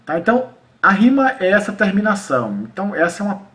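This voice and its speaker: A high, very animated voice with a fairly bright tone comes from well away from the mic. He's a cordel poet from Paraíba, Brazil, with a Northeastern accent, walking teachers through poetry in a casual lesson, slowly reciting verses and often checking in with "né?" and "tá?".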